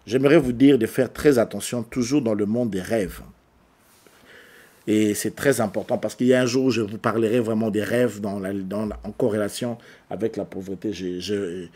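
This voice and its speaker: Male pastor, sermon delivery, repeats phrases for emphasis, shifts from soft to loud. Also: medium pitch, slightly rough.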